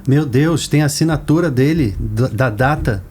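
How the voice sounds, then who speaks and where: Male podcast host, warm relaxed tone, brief casual follow-ups. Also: mid-range voice, normal speed, slight background noise. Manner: brief reactions and short follow-up questions. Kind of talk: casual interview chat.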